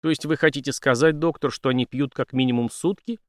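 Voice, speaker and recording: A man's voice: medium pitch, fast talker, dry recording, studio quality, natural voice. A man doing a nervous fawning police chief. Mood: nervous evasive. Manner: fawning and evasive. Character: nervous scheming male police chief, obsequious.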